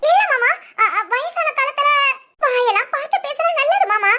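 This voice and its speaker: A shrill sharp-tongued young wife. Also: female voice, expressive, normal speed, full character voice. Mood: pleading. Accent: Tamil Nadu village speech. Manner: sarcastic, mutters spiteful asides. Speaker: daughter-in-law.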